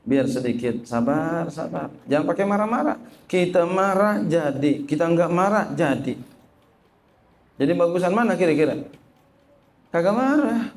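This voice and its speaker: Lively man preaching. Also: fairly high pitch, moderate pace, pauses often. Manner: lively, repetitive, asks the audience and answers himself; reads Arabic phrases then translates them. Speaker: Islamic teacher. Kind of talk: sermon teaching from a classical text.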